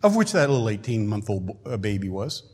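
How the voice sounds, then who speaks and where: A man preaching a sermon in a conversational way who often clears his throat, in a church hall. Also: fairly low pitch, sing-song, quick pace, darkish tone. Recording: long hall reverb.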